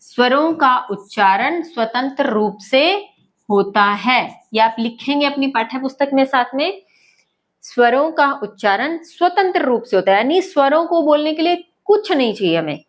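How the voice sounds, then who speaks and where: A woman whose voice sits high, with lively intonation and a moderate pace, teaches schoolchildren in an online lesson. She speaks patiently, repeats points, and checks that they are following.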